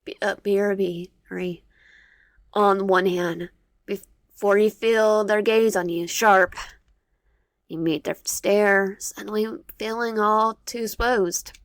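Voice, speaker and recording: A woman slowly reads a visual novel out loud, tripping over words and restarting them. She keeps slipping in casual asides of her own between the lines. Her voice is close and dry, with no room sound around it. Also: medium pitch, steady tone, no room sound. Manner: stumbling reading with restarts and chatty asides. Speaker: gameplay narrator.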